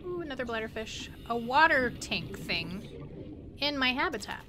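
A woman playing a video game and commenting excitedly, talking to the creatures she meets. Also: on the high side. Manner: excitable, exclaiming, talks to creatures. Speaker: gameplay streamer. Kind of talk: let's play commentary.

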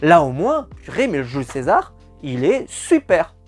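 A man's voice: a little high, huge pitch swings, normal speed, soft background music. A man giving a casual, exasperated spoken film review, often repeating words for emphasis. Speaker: film critic.

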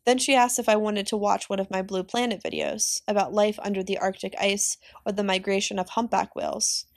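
A woman reads a novel aloud for her students, steady and unhurried. Her voice sits in a middle register. The sound is dry and close, with no room around it. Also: mid-range voice, dry recording. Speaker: teacher reading aloud. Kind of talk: audiobook reading of a novel.

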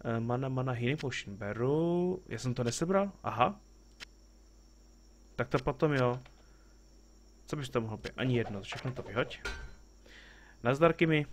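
A man's voice: mid-range voice, animated, long pauses, a little hiss or hum. A man streaming a game, chatting casually, joking with the characters on screen and greeting viewers as they arrive. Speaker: live streamer playing a game. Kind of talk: casual gameplay commentary.

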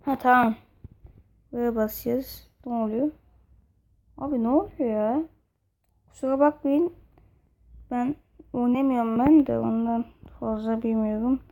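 Excitable woman with a mellow voice. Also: fairly high pitch, measured pace, pauses often, low-quality recording. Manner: excitable, swears casually, loud outbursts; openly confused, thinks aloud. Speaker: mobile game let's-player. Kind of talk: casual gameplay commentary.

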